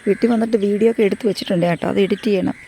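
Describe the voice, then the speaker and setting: A woman walking a rural path on a casual vlog, hoarse from losing her voice, chatty and rambling as she repeats herself. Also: medium pitch, fairly even intonation, racing, dark tone, a little hiss or hum. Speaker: vlogger. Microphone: phone front camera at arm's length.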